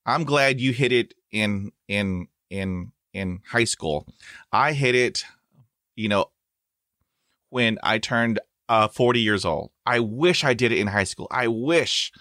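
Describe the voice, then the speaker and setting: This podcast host, a man in his forties, speaks slowly in a low-leaning voice that comes across pushed and bright. The sound is clean studio audio without any room tone. In a casual, emphatic interview chat, he stutters with repeated sounds and fillers, affirming himself with emphasis.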